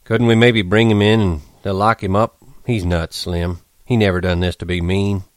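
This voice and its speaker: Brief: tired farmhand, soft and halting, low, as a man reads him. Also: fairly even intonation, no room sound, studio quality, lightly acted. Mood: weary. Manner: soft, weak, hesitant. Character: weary, grieving male farmhand, protective.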